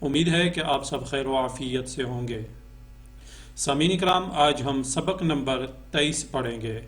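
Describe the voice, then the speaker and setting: A man teaching a Quran reading lesson. He chants letters and syllables slowly and melodically, then explains quickly, often checking in with a short "okay". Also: mid-range voice, a bit bright. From Pakistan.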